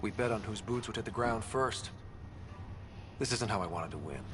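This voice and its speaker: A man's voice: on the low side, moderate pace, natural voice. Man acting a wry young explorer, noisy backdrop. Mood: wry, subdued. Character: young male explorer, commander's son, easygoing, wry. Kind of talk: cinematic video game acting.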